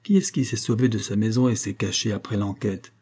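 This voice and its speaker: A sly, fawning simpleton murmurs his insinuations in a slightly raised, husky voice, as a man puts him on. Servile and creeping in manner. Storybook reading. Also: lowish voice, brisk, dark tone. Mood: insinuating. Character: sly, servile male village simpleton, muttering informer.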